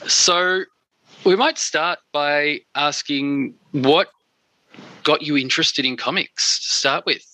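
A man with a very bright, forceful voice hosts an interview, asking his questions haltingly with many fillers. His voice sounds dry and close, with no room around it. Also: on the high side, dry recording, rough recording. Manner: hesitant, friendly questions. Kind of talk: casual interview hosting.

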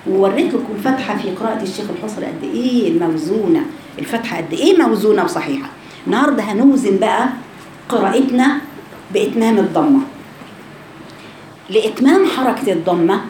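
A woman's voice: mid-range voice, darkish tone. A woman with an Egyptian accent teaching Quran recitation. She explains the rounded vowel, sounds it out to show it, and quizzes her students. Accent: Egyptian Arabic. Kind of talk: Egyptian Arabic lesson with spoken sound demonstrations. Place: recorded class session. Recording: echoey room with background noise.

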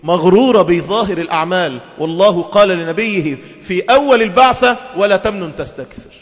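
A man's voice: sits high, fairly quick, long reverb tail. A man preaching a sermon to women in an Egyptian Arabic accent, emphatic and full of rhetorical questions.

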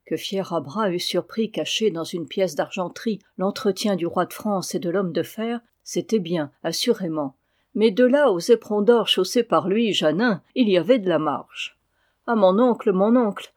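A measured reader telling a classic adventure novel, each sentence carried at an even pace. The delivery is plain and clear, a literary audiobook narration. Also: mid-range voice. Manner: steady, measured reading.

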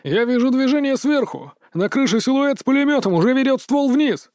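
A man voicing a wounded young male squad medic who shouts warnings and cries out in alarm. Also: very high voice, animated, fairly quick, no echo, studio quality, pitched above the performer's own voice.

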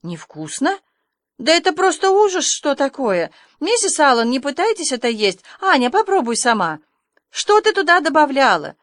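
A woman's voice: fairly high pitch, lively intonation, fairly bright tone, no room sound, clean studio sound, pitched above the performer's own voice. Woman voicing a stern, scolding older spinster. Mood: alarmed scolding. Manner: brisk, exclaiming, scolding. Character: stern, sharp-tongued older spinster, practical and fair. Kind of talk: audiobook reading.

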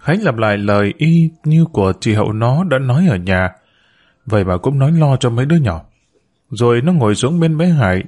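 A man hosting his own channel, reading a serialized story aloud in a measured, calm manner. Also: medium pitch.

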